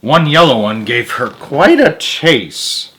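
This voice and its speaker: On a poor-quality recording, a man with a mid-range voice reads a story at a slow pace. His delivery is expressive, with emphatic character lines, and he slips in muttered remarks of his own.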